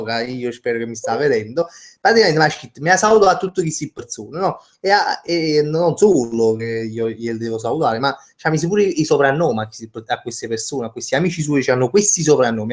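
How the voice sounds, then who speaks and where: A man's voice: mid-range voice, fairly quick. A man with a Neapolitan accent hosting a casual live stream, rambling and joking as he reads out viewers' names.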